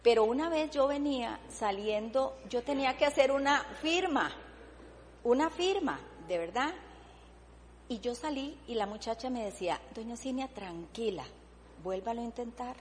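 A woman's voice: high voice, lively intonation, moderate pace, long reverb tail, a little hiss or hum. A middle-aged woman, giving an earnest, emotional personal faith testimony as a church member, often asking "¿verdad?".

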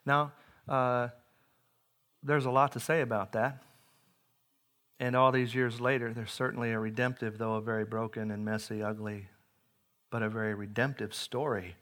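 A man in his forties preaching a sermon, earnest, rising loud on key lines and dropping quiet after. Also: medium pitch, fairly even intonation, a little slow, pauses often. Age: 40s.

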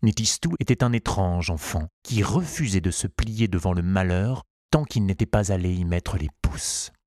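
A man reading a children's storybook aloud in a measured, unhurried way. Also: deep voice, lively intonation, a little mellow, no echo, clean studio sound. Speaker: narrator.

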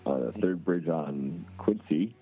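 A man's voice: sits low, slow pace. A man calling in over a phone line, telling a story in a rambling way with lots of fillers and restarts. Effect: heard over a phone line. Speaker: caller. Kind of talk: casual call-in storytelling. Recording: tinny phone line with faint music.

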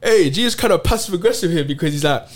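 A man in casual faith discussion on a podcast, animated and slangy, retelling Bible stories in street talk. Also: high voice, fast. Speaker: podcast co-host.

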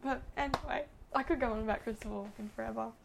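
A woman's voice: on the high side, fast, gravelly, background noise. A woman co-hosting a podcast, chatting casually and gushing like a gossipy storyteller. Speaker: podcast co-host. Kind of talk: casual chat.

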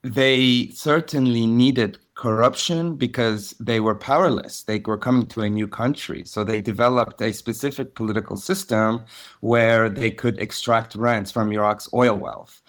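A man speaking as a think-tank researcher on a panel, in a measured way with frequent restarts. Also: mid-range voice. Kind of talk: panel discussion.

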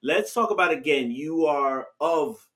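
A man's voice: a little high, lively intonation, unhurried, fairly bright tone. Affirming male radio host. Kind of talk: interview conversation.

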